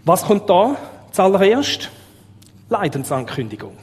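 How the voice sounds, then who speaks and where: A man's voice: high-pitched, sing-song, unhurried. A man preaching a sermon with a Swiss German accent, talking conversationally and asking his listeners rhetorical questions. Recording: long reverb of a large hall.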